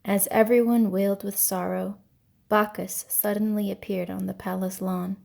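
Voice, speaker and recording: A woman's voice: medium pitch, level tone, moderate pace, gravelly, darkish tone. A woman storyteller narrating an ancient myth from a script, with grave, dramatic delivery.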